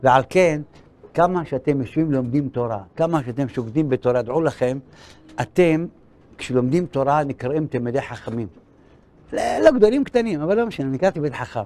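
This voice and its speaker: A man's voice: mid-range voice, animated, mellow. An older man, a rabbi, giving a sermon, telling a story and acting out the dialogue in a raised voice. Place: school hall.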